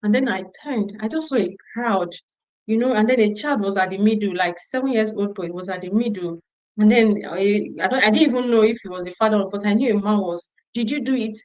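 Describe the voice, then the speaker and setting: A woman's voice: medium pitch, fairly quick, a little mellow, dull audio. A middle-aged woman speaking at a parenting conference, telling a story emphatically and repeating phrases for stress. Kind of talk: storytelling talk to an audience.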